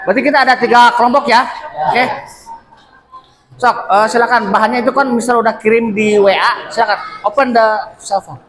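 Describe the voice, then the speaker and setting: A man's voice: very high-pitched, fairly even intonation, normal speed. A man with a Sundanese accent teaching English in a classroom, coaching students and repeating words for them to drill. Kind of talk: classroom instruction. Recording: noisy classroom with chatter. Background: student chatter.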